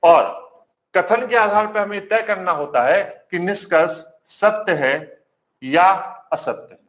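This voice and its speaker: A man with a fairly high voice teaches a live online class. He says each point more than once and keeps asking the viewers to answer back. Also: slow pace. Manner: repeats points and quizzes the class; warm greetings to viewers. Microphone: marker on whiteboard.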